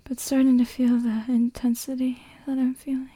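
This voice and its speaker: Breathy woman in close-up ASMR role-play. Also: high-pitched, little pitch movement, moderate pace, no room sound. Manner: close, intimate soft-spoken, right in the listener's ear. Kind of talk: soft-spoken intimate erotic ASMR role-play addressed to one listener. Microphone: very close microphone, dry.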